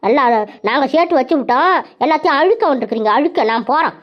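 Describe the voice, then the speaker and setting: A woman voicing a nagging middle-aged mother-in-law in a cartoon, scolding fast, on a dull lo-fi recording. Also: high-pitched, animated.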